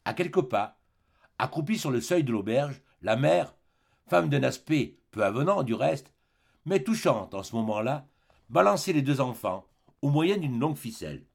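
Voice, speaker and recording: A man reading a classic novel aloud as an audiobook, with expressive, dramatic narration. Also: medium pitch, normal speed, gravelly, husky. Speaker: audiobook reader. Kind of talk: scripted narration.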